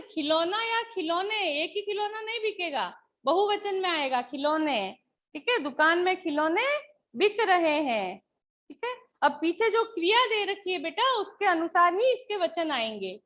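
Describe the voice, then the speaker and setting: A woman teacher with a very high voice walks through grammar answers one by one. She explains patiently and keeps checking that her pupils follow along. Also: fairly bright tone. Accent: Hindi. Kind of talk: Hindi grammar lesson.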